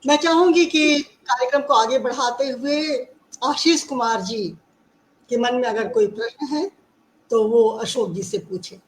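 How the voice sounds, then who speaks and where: A woman hosting a discussion, speaking formally and haltingly with many fillers. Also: a little high, slight background noise. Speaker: host. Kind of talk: formal moderating. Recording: echoey room with faint ambience.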